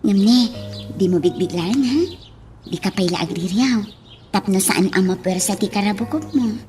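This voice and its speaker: A woman voicing a caring partner who gently coaxes and encourages, in a radio drama. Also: medium pitch, moderate pace, faint music behind, lightly acted. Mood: encouraging, tender. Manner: gentle, coaxing.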